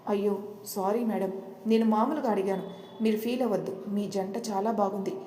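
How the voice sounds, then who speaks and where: A woman's voice: medium pitch, fairly even intonation, moderate pace, warm tone, slight background noise, lightly acted. A woman voicing a chatty, curious hospital nurse who asks and then apologizes. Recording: roomy echo.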